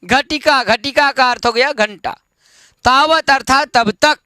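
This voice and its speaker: High bright guy teaching slow, goes word by word, dry close sound. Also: clean tone, no echo. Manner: slow, explains word by word with repeated check-ins. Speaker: Sanskrit teacher. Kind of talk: online classroom lesson.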